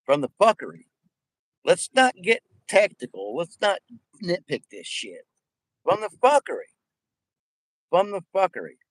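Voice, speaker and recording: Guy missing front teeth on a sweary rambling rant, pitch kinda high and all over the place, dry sound. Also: wildly swooping pitch, unhurried, pauses often, no echo, poor audio. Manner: rambling, agitated, emphatic, repetitive. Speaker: vlogger addressing viewers. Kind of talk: casual, profanity-laden rant.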